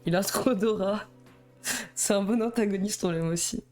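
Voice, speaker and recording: A man's voice: sits high, normal speed, a little mellow, soft background music. A young man with a Belgian French accent, chatting nervously and rambling on a live stream, stammering and laughing. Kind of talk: casual live stream chat.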